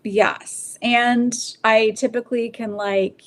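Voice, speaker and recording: A woman's voice: fairly high pitch, steady tone, slow pace, no echo. A woman co-hosting a casual podcast chat, talking in loose, rambling sentences full of fillers. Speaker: podcast co-host. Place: Oklahoma, US.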